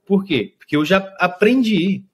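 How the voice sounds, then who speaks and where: A man from Brazil who runs a food truck, chatting in an interview and telling lively stories, acting out his customers and often checking that the listener follows. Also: high-pitched, moderate pace, husky. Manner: lively storyteller, acts out customers, keeps asking "entendeu?". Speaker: food truck owner and chef. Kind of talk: casual interview chat.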